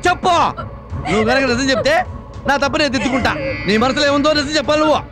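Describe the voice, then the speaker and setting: A man's voice: very high-pitched, racing. An actor playing a fussy middle-aged husband, a former farmer turned politician, who lectures his wife theatrically in a film comedy. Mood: accusing. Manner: theatrical, pleading then lecturing. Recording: film soundtrack with loud music.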